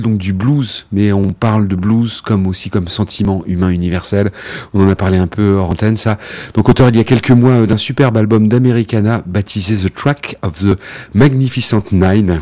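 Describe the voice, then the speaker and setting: A male radio host with a somewhat low voice, talking in a relaxed way and laughing easily between questions. He leans on small fillers as he introduces songs and guests. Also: a little fast. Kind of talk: radio interview.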